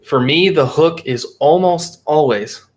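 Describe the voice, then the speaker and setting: A man talking casually as a guest on a podcast, lively and acting out what customers would say. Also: a little high, slow pace. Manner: animated, acts out quoted customers. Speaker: marketing agency guest.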